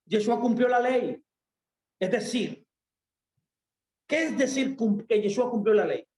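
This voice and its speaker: A man's voice: very high voice, lively intonation, measured pace, a little mellow, echoey room, low-quality recording. A man preaching a sermon in an emphatic way, putting questions to himself and answering them.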